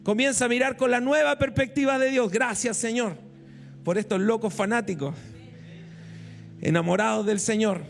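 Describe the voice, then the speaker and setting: A man's voice: very high-pitched, moderate pace, creaky, long pauses, faint music behind. A man preaching a sermon, telling a story and asking the congregation questions. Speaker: pastor.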